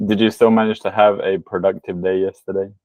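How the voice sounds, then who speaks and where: A man's voice: sits low, level tone, fairly quick, darkish tone, no echo, poor audio. A man hosting a podcast in a casual chat, asking friendly, encouraging questions. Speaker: podcast host.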